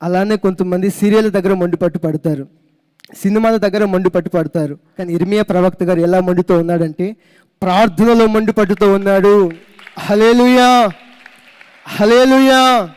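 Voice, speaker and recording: A man preaching a sermon in a high voice, telling his story with animation and calling out hallelujah. His words ring through an echoey church hall. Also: warm tone. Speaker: pastor.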